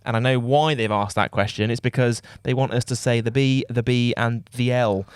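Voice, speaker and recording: A man's voice: mid-range voice, fairly even intonation, normal speed, clean tone, no echo, clean studio sound. A young man hosting a podcast in casual, upbeat chat, full of fillers. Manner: chatty, upbeat, many fillers. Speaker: podcast host.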